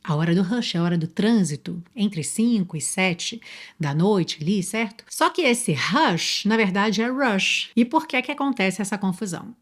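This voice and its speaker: Brazilian woman teaching English, slow and clear. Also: mid-range voice. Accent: Brazilian Portuguese. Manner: explains patiently, slows and spells out words, asks the viewer questions. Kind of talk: online English lesson.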